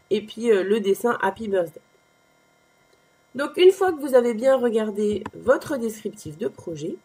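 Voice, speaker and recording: A woman hosting a crafting tutorial, walking through a software page step by step with a conversational, explanatory manner and frequent fillers. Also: medium pitch, slightly rough. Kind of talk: screen-recorded software walkthrough.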